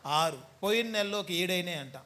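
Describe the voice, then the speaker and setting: High, bright-voiced pastor preaching. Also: male voice, brisk. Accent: Telugu. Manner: teasing, scolding preacher who mimics the people he talks about. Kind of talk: sermon.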